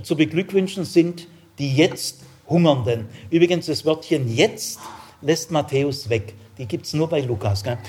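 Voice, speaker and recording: A man's voice: fairly high pitch, husky. A man giving a spoken Bible teaching, explaining patiently and often checking in with his listeners. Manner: explanatory, frequent "gell?" tags and hesitations. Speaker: preacher or lecturer on scripture.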